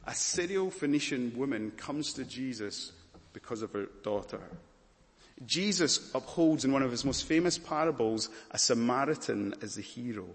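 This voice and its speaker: A man born in Malawi who grew up in Scotland, preaching a sermon as pastor with dramatic pauses and rising swells. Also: mid-range voice, expressive. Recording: long hall reverb.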